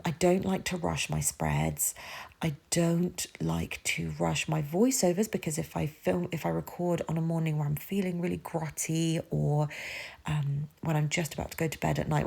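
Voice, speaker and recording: Her nose blocked by a cold, a woman voices a casual planner video in a low, somewhat mellow, breathy voice with vocal fry. Her intonation is lively and her pace moderate as she rambles on, filling gaps with fillers and laughing at herself.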